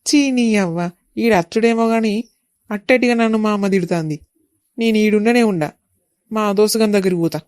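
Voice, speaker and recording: A woman's voice: mid-range voice, brisk, pauses often, darkish tone, no room sound, pitched below the performer's own voice, natural voice. A woman voicing a grumbling young village uncle with a Telangana accent, speaking in a dismissive way. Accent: Telangana Telugu.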